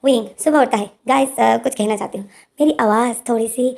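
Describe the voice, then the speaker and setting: A woman's voice: a little high, a little fast, vocal fry, a little mellow. A young woman with a sore throat, chatting to her viewers as she reads out a short fan fiction. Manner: chatty, talks to the audience. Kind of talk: casual story reading.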